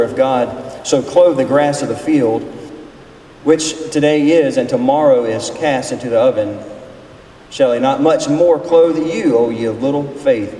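A man in his forties with a warm, medium-pitched voice leads a seminar session as a pastor, giving a relaxed sermon with audience interaction. His delivery is folksy and conversational, full of questions for the group. Recorded distantly in a large, reverberant hall, the sound is echoey and noisy.

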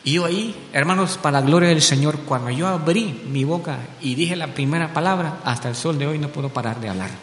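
A man's voice: a little high, brisk, hardly any pauses, slight background noise. Man giving earnest church testimony, echoey. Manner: earnest storytelling, tag questions. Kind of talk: spoken testimony. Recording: echoey hall with soft music.

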